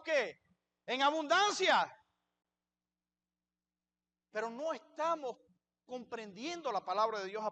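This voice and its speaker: A man's voice: extremely high pitch, pushed and bright. A man preaching a sermon in a church as pastor, asking the congregation questions and answering them himself.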